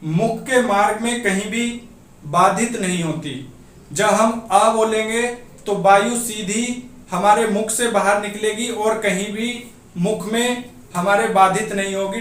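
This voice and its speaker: A man teaching a grammar class for exam preparation, explaining each point step by step and pausing so students can note it down. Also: high voice, a bit bright. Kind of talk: exam-prep grammar lesson. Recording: echoey room, voice from a distance off the mic.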